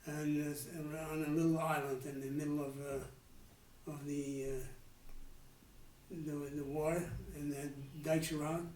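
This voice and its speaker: In a candid interview about his life, a man from the Netherlands in his nineties, with a Dutch accent, recalls childhood in halting bursts, restarting often and trailing off. The fairly high, level voice is darkish. A rough recording with a distant mic adds roominess and slight hiss or hum.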